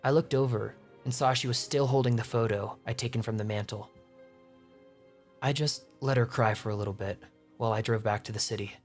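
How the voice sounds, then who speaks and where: A man reading a first-person horror story in a tense, measured way. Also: medium pitch, fairly even intonation. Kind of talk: scripted first-person narration. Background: faint music.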